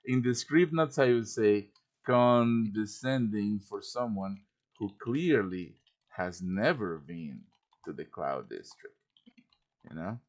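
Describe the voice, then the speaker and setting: Slow-paced but animated, a man with a fairly low voice hosts a live software tutorial over voice chat. He improvises casually, talking himself through every step.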